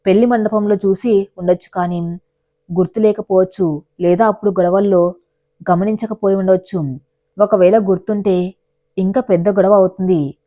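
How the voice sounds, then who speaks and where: A woman tells a dramatic story in a steady, scripted way at a middle pitch. The recording is slightly dull and muffled.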